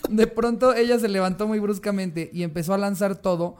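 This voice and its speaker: Guy cohosting a podcast, high voice, crude slang, laughs a lot. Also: fairly even intonation, fairly quick, smooth. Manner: crude slang, laughs often, acts out quotes in loud voices. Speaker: podcast co-host. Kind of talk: casual chat, reading listener stories.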